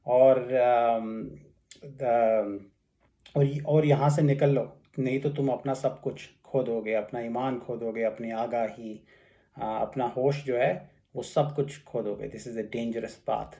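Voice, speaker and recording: A man explaining classical couplets line by line in a casual teaching talk, reciting each verse and then unpacking its words with plenty of pauses and restarts. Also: medium pitch, steady tone, gravelly, warm tone. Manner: reflective, many fillers and restarts. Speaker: poetry explainer. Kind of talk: explaining Urdu couplets in Hindi with English.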